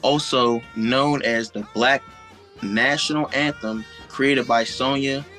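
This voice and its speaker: A man co-hosting an event reads upbeat introductions to the next segments, with his voice at a middle pitch. Light guitar music plays behind him. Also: steady tone, slow, pushed and bright. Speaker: student co-host.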